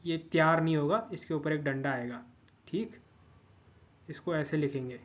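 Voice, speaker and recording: A man's voice: a little high, normal speed, lo-fi sound. A man giving a patient grammar lesson, repeating each word form and checking in with listeners often. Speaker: language teacher.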